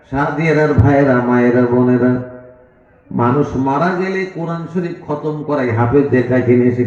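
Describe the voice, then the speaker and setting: A man from Bangladesh preaching an Islamic sermon to a crowd, addressing them directly and breaking into chanted recitation. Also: medium pitch. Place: outdoor religious gathering. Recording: echoey loudspeaker sound, dull lo-fi.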